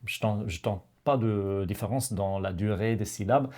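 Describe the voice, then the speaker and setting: A man teaching pronunciation to learners, talking slowly with many pauses and hesitant fillers. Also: on the low side, darkish tone. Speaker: language teacher.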